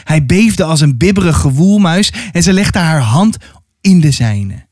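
Animated man reading a storybook aloud. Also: a little high, unhurried, dry recording, clean studio sound. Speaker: storybook reader. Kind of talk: reading a children's book aloud.

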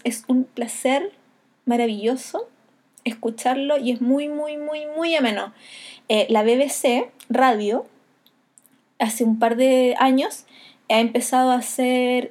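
A woman's voice: fairly high pitch, a little mellow. A woman with a Chilean accent talking casually and enthusiastically, rambling a little as she recommends books. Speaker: book vlogger.

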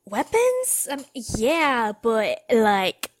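A woman's voice: fairly high pitch, wildly swooping pitch, no echo, exaggerated voice. A woman playing a spaced-out hippie lieutenant who drawls, peppering her talk with "like" and "man". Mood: laid-back. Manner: slow drawl, says "like" and "man". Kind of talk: comedy audio drama acting.

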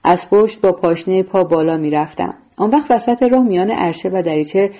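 A woman narrating a novel in a steady, measured reading voice. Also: on the low side. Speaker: audiobook narrator. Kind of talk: scripted storytelling narration.

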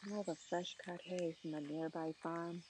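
A soothing guide narrating a meditation in short, slow phrases with long pauses. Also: mid-range voice, steady tone, a little mellow. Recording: clear outdoor nature noise, birdsong.

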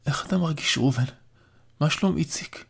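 A man's voice: fairly high pitch, creaky, husky, voice pushed up. A man voicing a frail elderly father in an audiobook, speaking in a weak, faint voice. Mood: weak, tearful. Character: frail elderly dying father, tearful and tender.

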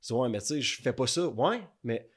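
Young Québécois man, rambling joker, mid-pitched voice. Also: lively intonation, fairly quick. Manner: rambling, joking. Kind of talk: casual chat.

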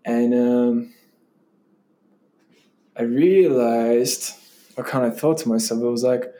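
A man's voice: medium pitch, steady tone, takes it slowly, dark tone. Rambling man telling a personal story. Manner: loose and rambling, many "like" and "um" fillers. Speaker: interview guest.

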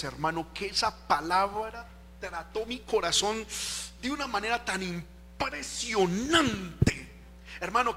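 Impassioned high-voiced male pastor preaching. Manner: impassioned preaching, swings between loud cries and hushed storytelling. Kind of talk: sermon. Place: church sanctuary. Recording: echoey hall with faint hum.

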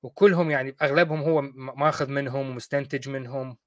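A man hosting a talk show, talking casually and mocking his opponents with quick acted asides. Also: medium pitch, steady tone, no room sound. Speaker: host of a call-in discussion show.

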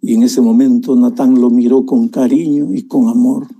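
Male preacher, emotional storytelling sermon, dark mellow tone, slightly husky. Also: mid-range voice, fairly even intonation, normal speed. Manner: emotional storytelling, addresses listener warmly as dear one.

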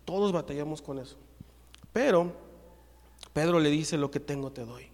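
A man's voice: a little high, moderate pace, big-room sound. A man with a Mexican accent preaching a sermon, telling a personal testimony and acting out the dialogue. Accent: Mexican Spanish. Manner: lively storytelling, acts out the dialogue. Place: church.

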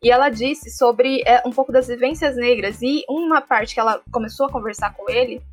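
A woman with a Brazilian Portuguese accent, telling viewers a personal story in a casual, animated way and acting out what others said. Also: fairly high pitch, a little fast, faint music behind. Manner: animated, often acts out quoted voices. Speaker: vlogger.

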